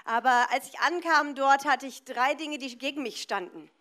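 A woman's voice: high-pitched, normal speed, a bit bright. A woman interpreting a preacher live, phrase by phrase, in a consecutive style.

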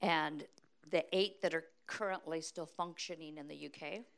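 A middle-aged American woman preaching at a conference in short, deliberate phrases, pausing for an interpreter. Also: low voice, fairly even intonation, creaky, a bit bright. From United States. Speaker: guest preacher.

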